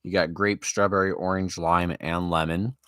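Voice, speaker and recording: Low-voiced young man narrating chess. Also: little pitch movement, normal speed, fairly bright tone, clear, resonant tone, dry recording. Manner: self-deprecating, swings between panic and hype. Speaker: chess streamer. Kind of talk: casual chess commentary.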